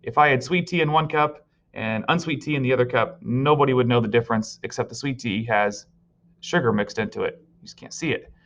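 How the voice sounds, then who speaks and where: A man's voice: mid-range voice, fairly quick, fairly bright tone. A male teacher giving a recorded virtual science lesson, explaining step by step and telling students what to write down. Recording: slightly dull lo-fi audio.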